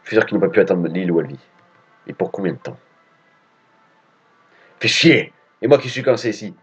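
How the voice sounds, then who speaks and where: A brooding young hero stuck in a strange world, voiced by a man in a low, muttered game reading. His tone sits deep and dark. The audio is dull and lo-fi, with game music underneath. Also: lively intonation, a little fast, husky.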